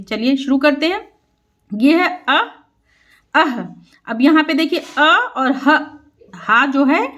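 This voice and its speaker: A woman's voice: high voice, a bit bright. A woman teacher leading a reading lesson, sounding out words syllable by syllable and having listeners repeat after her. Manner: slow, patient syllable-by-syllable reading. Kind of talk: Hindi reading lesson for children.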